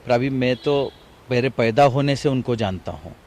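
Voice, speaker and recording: A grieving middle-aged father speaking in a halting, repetitive way during an outdoor TV interview. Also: mid-range voice, darkish tone, slight background noise. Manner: halting, grief-stricken, repetitive. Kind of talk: emotional TV interview.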